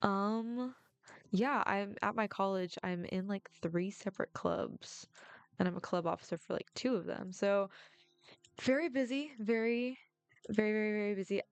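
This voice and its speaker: A woman's voice: mid-range voice, moderate pace, clean tone, dry recording, soft background music. A young adult woman, a film student, chatting casually and rambling with lots of "like" fillers while playing a game. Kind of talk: casual gameplay chat.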